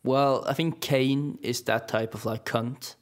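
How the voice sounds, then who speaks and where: A man's voice: mid-range voice, fairly even intonation, a little slow. A young man, chatting casually and rambling with many restarts and fillers. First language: Norwegian. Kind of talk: casual chat.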